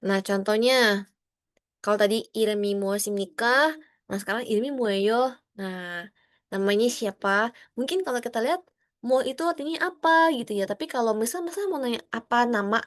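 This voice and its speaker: A woman teaching an online language class, explaining patiently and acting out sample phrases with rising or flat tones. She speaks to students as friends. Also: a little high, fast, no room sound, studio quality.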